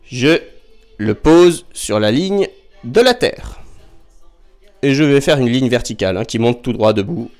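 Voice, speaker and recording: A man's voice: medium pitch, animated, measured pace, long pauses, a little mellow, faint music behind. A man teaching young children from home, patiently spelling out syllables and counting down with a small child nearby.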